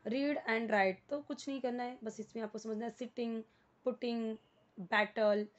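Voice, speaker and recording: A patient woman teacher with an Indian accent walks through a worksheet, repeating words and spelling them out letter by letter. Her voice sits fairly high, and the recording sounds a little dull and muffled. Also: flat delivery, normal speed. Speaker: English teacher. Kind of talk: explaining a worksheet lesson.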